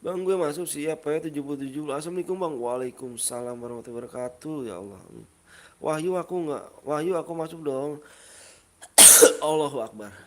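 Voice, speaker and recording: Sick Betawi man streaming a game. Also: a little high. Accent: Betawi Jakarta. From Indonesia. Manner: reads viewer comments aloud, counts down quickly. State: sick with a cold. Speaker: game livestreamer. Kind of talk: casual livestream chat.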